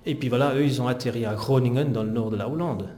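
A hesitant middle-aged man from the Netherlands, a physiotherapist being interviewed, recounts his personal history in conversational answers. He talks fast in a mid-range, dark-toned voice, and the sound is roomy.

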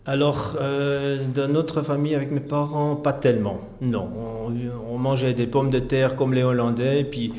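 Recounting his personal history in a conversational interview, a Dutch physiotherapist, middle-aged and hesitant, speaks unhurriedly with few pauses. His medium-pitched voice is mellow with fairly even intonation, and the recording has a roomy sound.

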